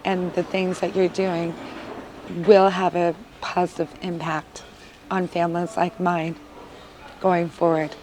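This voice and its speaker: A woman's voice: on the low side, darkish tone, slight background noise, low-quality recording. A woman, a mother, giving an earnest, emotional testimonial in an interview. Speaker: parent interviewee.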